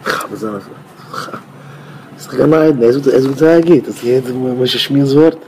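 A mellow-voiced rabbi giving a rambling talk. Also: male voice, mid-range voice, brisk, slight background noise. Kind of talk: informal Torah talk.

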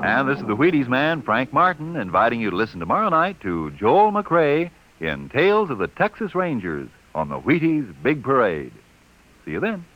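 A male radio announcer giving a folksy, chatty commercial pitch full of rhetorical questions, heard from an old broadcast disc transcription. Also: very animated, moderate pace, very noisy. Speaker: sponsor announcer. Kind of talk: scripted radio commercial read. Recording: dull lo-fi vintage radio transcription.

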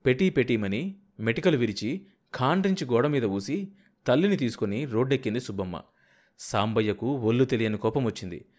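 A man narrating a novel as an audiobook reader in a steady, measured way. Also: mid-range voice.

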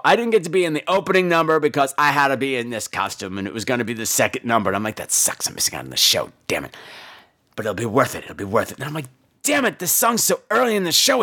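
The man hosting this podcast has a fairly high pitch and a sharp tone. He recounts humorous personal tales with over-the-top, campy theatrics and sassy, salty asides.

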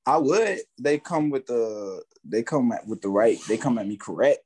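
A man's voice: mid-range voice, expressive, moderate pace, darkish tone, slightly rough. A man with an American accent chatting casually as an interviewed music artist, using street slang and repeating his phrases. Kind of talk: casual chat.

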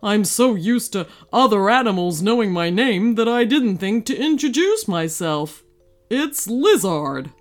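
A woman puts on a gentle storybook leopard, a kindly male creature who reassures lost children. He speaks slowly, with a lively, swooping lilt. Faint music plays underneath. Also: medium pitch. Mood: reassuring. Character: friendly talking male leopard, calm guide.

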